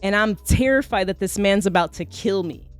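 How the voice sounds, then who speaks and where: A woman's voice: mid-range voice, normal speed, clear, resonant tone, faint music behind. A woman guest on a podcast earnestly retelling a hard childhood story, with many fillers. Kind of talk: personal storytelling in a podcast interview.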